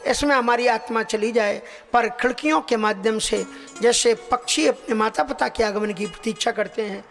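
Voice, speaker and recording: A man preaches a devotional scripture discourse, narrating with expressive swells and sliding into sung recitation. His voice rings out with a long reverb in a large hall. Faint music plays behind him. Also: high voice, moderate pace, vocal fry.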